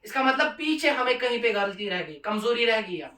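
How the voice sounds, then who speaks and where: Male Quran teacher, emphatic, quizzes pupils; bright tone, distant mic in a reverberant room. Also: extremely high pitch, expressive. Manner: emphatic, quizzes the class with repeated questions. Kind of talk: classroom lesson.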